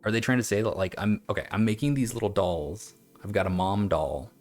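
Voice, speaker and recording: A man streaming a game, chatting and reading old-style text aloud in a halting, stumbling way, laughing at himself. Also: lowish voice, darkish tone. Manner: self-mocking, laughs often. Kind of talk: let's-play commentary with reading aloud.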